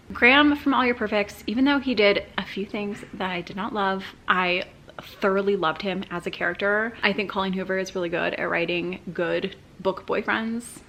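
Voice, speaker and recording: A woman's voice: medium pitch, bright, forceful tone, slight background noise. A young woman chatting enthusiastically about books she has read, gushing and casual, as a book vlogger. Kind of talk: casual chat.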